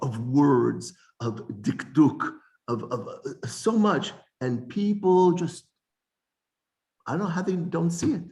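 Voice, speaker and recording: A man teaching an informal Bible study lesson, animated, often repeating words and restarting sentences. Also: fairly high pitch.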